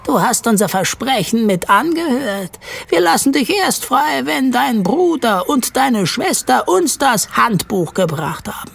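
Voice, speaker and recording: Narrator doing stern elf, high n slow, cold and formal, bit of music under it. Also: sing-song, vocal fry, fairly bright tone, breathy edge, exaggerated voice. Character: stern, vengeful elf of the woods. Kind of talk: audiobook reading.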